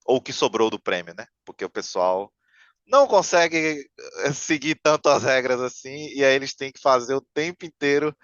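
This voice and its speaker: A man rambles through a story in a relaxed podcast chat, piling on fillers and restarts. His voice is smooth and resonant. The sound is dry and a little muffled. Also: mid-range voice, normal speed, dry recording. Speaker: podcast guest. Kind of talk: casual chat.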